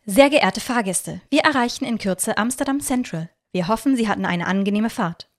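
A woman's voice: a little high, lively intonation, normal speed, dry recording, clean studio sound, lightly acted. A woman voicing a male train conductor making a formal, polite announcement.

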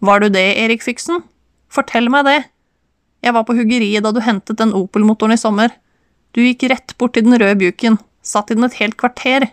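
A woman's voice: on the high side, fairly even intonation, clear, resonant tone, no echo, close to an everyday voice. A woman reading the part of an insistent woman who presses a man she once loved, in an audiobook. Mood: challenging. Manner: pleading, pressing. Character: insistent, concerned woman confronting an old flame.

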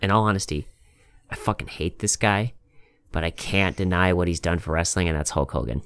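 A man's voice: deep voice, brisk, a bit bright, clear, resonant tone, dry recording, clean studio sound. A man hosting a casual podcast chat. He talks in an emphatic, rambling way and swears a lot. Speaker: podcast host.

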